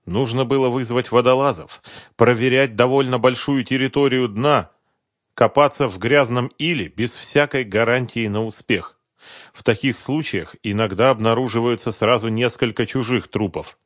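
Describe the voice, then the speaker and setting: A man narrating an audiobook in an expressive storytelling manner. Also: medium pitch, normal speed, dry recording. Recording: dry close studio sound.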